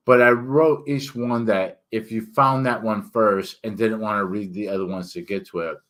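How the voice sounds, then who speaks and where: A man talking casually and haltingly to viewers as an author, his words thick from a swollen tongue and a sore mouth and throat. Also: fairly low pitch, steady tone, fairly bright tone. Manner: halting, rambling, self-interrupting. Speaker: author and book reviewer. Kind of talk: casual solo vlog talk.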